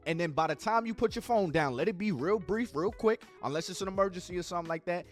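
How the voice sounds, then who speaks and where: Animated man coaching, with faint music behind. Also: high-pitched, quick pace. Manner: animated coaching, acts out little dialogues. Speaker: podcast host giving dating advice. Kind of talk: advice talk on a podcast.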